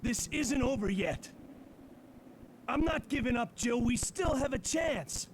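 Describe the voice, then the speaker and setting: A man's voice: very high-pitched, lively intonation, a little slow, slight background noise, low-quality recording. An actor playing a determined young male mercenary in a survival horror game, with an earnest, urgent, dramatic delivery. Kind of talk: dramatic video game voice acting.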